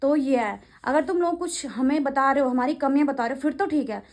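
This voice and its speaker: Brief: young woman vlogger, high-pitched, rapid and indignant, casual rant to camera. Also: a little mellow. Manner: fast-talking, indignant, addresses critics directly.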